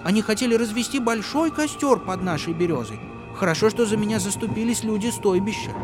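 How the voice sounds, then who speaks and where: A small, quick-witted girl, as a male storyteller puts her on, chirps in a high, eager voice. Music runs quietly under this folk-tale reading. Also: animated. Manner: eager, pleading. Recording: music playing behind the voice.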